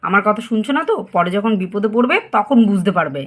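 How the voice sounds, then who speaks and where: A woman's voice: mid-range voice, animated, quick pace, lightly acted. Woman playing a stern scolding mother. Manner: sharp, scolding. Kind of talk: doll story voice acting.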